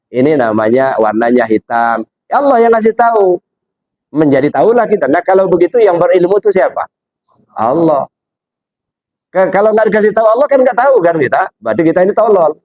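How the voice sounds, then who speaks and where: A man's voice: high voice, darkish tone, dry recording, muffled recording. A man from Indonesia giving informal religious teaching, talking directly to a listener with rhetorical questions and frequent "ya, dah.".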